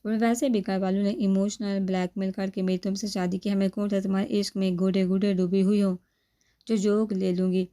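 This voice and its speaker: A woman's voice: medium pitch, flat delivery, dark tone, natural voice. A woman voicing a cheeky, stubborn young bride in a storybook reading. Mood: sassy.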